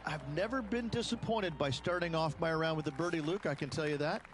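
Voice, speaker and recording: A man giving scripted color commentary for a golf video game, speaking in a measured, conversational way to his co-host. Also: a little high, slight background noise.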